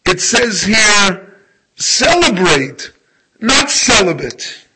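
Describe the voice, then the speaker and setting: A rabbi doing an aged Pope in a storytelling joke, speaking with a Polish accent in a slow, hushed, reverent way. The voice has a bright but husky edge and sits a little high. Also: male voice, full character voice, poor audio. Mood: dismayed. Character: elderly male Pope, devout and wistful.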